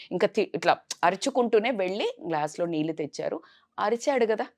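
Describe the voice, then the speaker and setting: A woman vlogger telling a moving family story in a casual, animated, dramatic way. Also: mid-range voice, vocal fry. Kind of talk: storytelling to camera.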